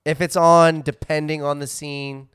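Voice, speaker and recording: A man's voice: on the high side, little pitch movement, measured pace, fairly bright tone, clean tone, no echo, clean studio sound. A man and father co-hosting a casual podcast, musing at length and laughing mid-sentence. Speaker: podcast co-host. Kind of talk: casual chat.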